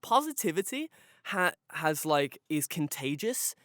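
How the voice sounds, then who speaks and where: A man's voice: fairly high pitch, big pitch swings, a little slow, a bit bright, dry recording, studio quality. A man hosting a podcast in casual chat, rambling along with lots of dude-and-man slang. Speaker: podcast host.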